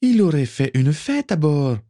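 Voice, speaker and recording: A man's voice: fairly high pitch, big pitch swings, a little slow, mellow, no echo, clean studio sound, pitched above the performer's own voice. A man voicing a caring, teasing Russian woman who cooks aboard a ship, in a read-aloud story.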